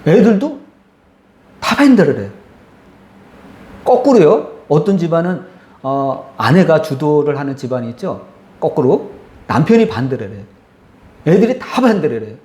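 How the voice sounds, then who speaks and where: A male pastor preaching a sermon, telling the story with animated delivery and acting out the characters' lines. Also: fairly high pitch, normal speed, pauses often, echoey room.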